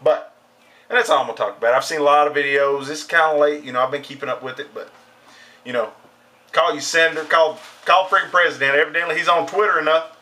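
A man's voice: on the high side, fast talker, sharp tone. A man in his thirties ranting at home in a casual, profane gaming vlog. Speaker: gaming vlogger.

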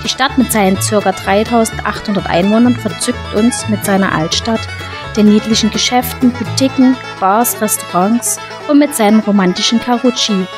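A woman reading calm, descriptive scripted narration for a travel video. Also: medium pitch.

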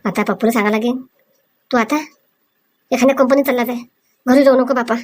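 A woman acting in a comic village sketch, talking briskly and scolding. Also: fairly high pitch, fairly even intonation.

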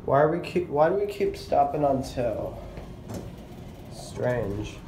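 In a noisy, echoey mall elevator with faint ambience, a young man films on his handheld phone for his elevator video channel. His mid-range voice swings widely in pitch as he slowly, eagerly admires the fixtures and comments to himself.

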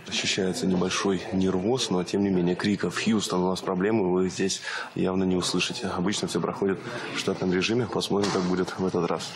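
A man in his twenties reporting informally on location, guiding viewers along as a TV news correspondent. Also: deep voice. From Yaroslavl, Russia. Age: 20s. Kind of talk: on-location video report to camera. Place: inside a control centre hall and corridors. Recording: noisy room ambience.

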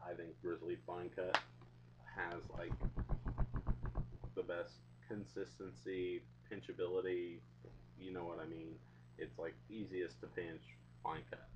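A man's voice: low-pitched, little pitch movement, unhurried, pauses often. A young man chatting casually and slangily to camera in a rambling, laid-back way, recorded on a webcam mic in a small room at home. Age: young adult. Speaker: video blogger reviewing products. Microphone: webcam or laptop mic at arm's length. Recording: dull webcam sound with hum.

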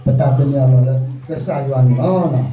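A man's voice: mid-range voice, steady tone, fairly quick, dull audio, faint music behind. A man preaching a sermon as pastor, talking to his congregation in a conversational way. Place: church sanctuary. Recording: echoey church hall, mic far off.

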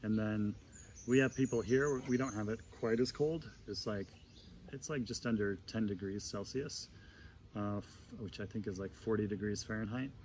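Low-voiced man talking from an ice-cold bath. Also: normal speed, darkish tone. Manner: talking while sitting immersed in ice-cold water. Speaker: breathwork and ice bath coach. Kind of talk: casual explanatory talk to camera. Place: outdoor garden, in an ice tub. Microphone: camera a couple of metres away. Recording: outdoor noise with birdsong.

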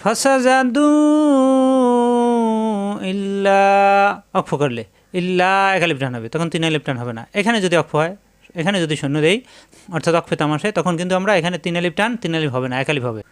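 A man teaching Quran recitation rules step by step. He explains each rule over and over and then chants the words in long, drawn-out tones. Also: fairly high pitch, lively intonation, fairly bright tone. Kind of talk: tajweed lesson, explaining and demonstrating recitation.

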